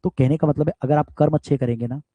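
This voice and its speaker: This physics teacher from India speaks fast in a high-ish voice with fairly even intonation, and the recording has no room sound. During an online class he gives his students a forceful, motivational aside, addressing them directly and loudly while checking their understanding with repeated tag questions.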